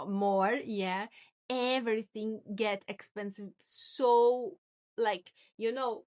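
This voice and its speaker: A young Brazilian woman talks casually to her viewers in English, her second language, with a clear Brazilian Portuguese accent. Her pitch is moderate. She speaks slowly, often searching for the right word and correcting herself as she goes. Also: fairly bright tone. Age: 20s. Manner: slow, searching for words, self-correcting. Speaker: vlogger. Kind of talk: casual vlog talk.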